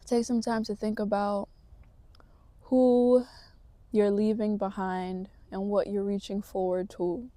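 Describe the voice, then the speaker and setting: Woman, casual vlog, reflective motivational rambling, dark mellow voice. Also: mid-range voice, flat delivery, slow, dry recording. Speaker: vlogger. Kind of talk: casual talking-to-camera vlog.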